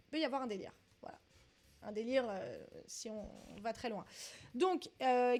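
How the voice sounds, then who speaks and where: A woman's voice: fairly high pitch, a little mellow. A young woman doing a dance quiz in a casual vlog, thinking aloud, swearing often and teasing herself.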